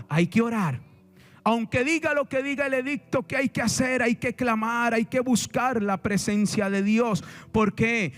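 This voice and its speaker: A man with a Colombian Caribbean Spanish accent, preaching a sermon as pastor, emphatic, repeating lines and asking the congregation questions. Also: sits high.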